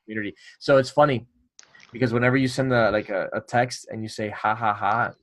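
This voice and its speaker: A man's voice: fairly low pitch, steady tone, fast talker, fairly bright tone. A man hosting a casual interview podcast, friendly and joking, often restarting his sentences. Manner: friendly, joking, many restarts and repeated words. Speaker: podcast host.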